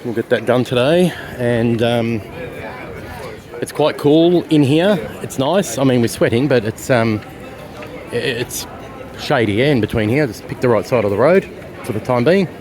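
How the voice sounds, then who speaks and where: An Australian man with a medium-pitched voice and lively intonation narrates a walking tour through city streets at a moderate pace. He's a travel vlogger, chatty and rambling with plenty of fillers, while crowd and street noise carry on behind him.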